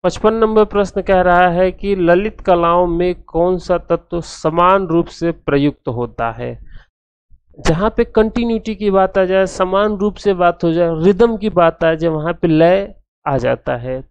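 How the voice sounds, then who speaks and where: A man's voice: high voice, measured pace, clear, resonant tone, no echo, highs cut off. A man tutoring for an art teaching exam, explaining each answer steadily and restating every point as he walks through the options.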